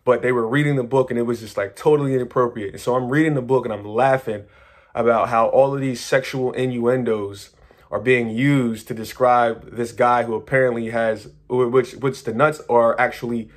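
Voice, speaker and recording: A man talking casually to his viewers, rambling excitedly through a story with slang, swearing and many restarts. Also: medium pitch, moderate pace. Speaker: manifestation coach.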